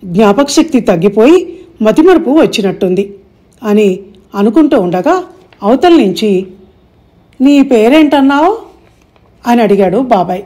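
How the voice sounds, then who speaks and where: A woman narrating an audiobook story in a steady, measured way. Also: mid-range voice, breathy edge.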